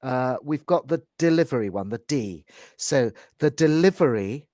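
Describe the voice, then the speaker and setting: A man's voice: medium pitch, lively intonation, normal speed, dark tone, no room sound, clean studio sound. A man with a modern British accent coaching pronunciation one to one, instructive and encouraging, demonstrating sounds carefully.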